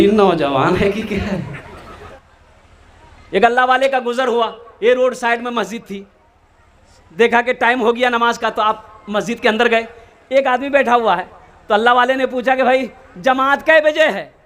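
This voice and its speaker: High-voiced Hindi preacher telling funny stories. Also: male voice, a bit bright. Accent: eastern Hindi dialect. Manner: sings verses slowly, acts out characters in dialect. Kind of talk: humorous sermon storytelling.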